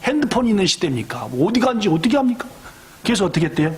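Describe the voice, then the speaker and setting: A middle-aged male pastor preaching a sermon in a church, telling a story with lively storytelling and acting out the voices of the people in it. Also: high-pitched, racing. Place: church sanctuary.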